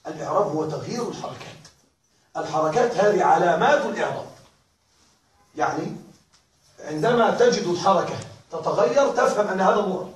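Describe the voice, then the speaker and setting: A man's voice: sits high, expressive, a little fast, long pauses. A male grammar teacher giving a classroom lesson, often stopping to ask whether the students follow. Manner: keeps checking students follow, with repeated questions. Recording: echoey room, voice from far off.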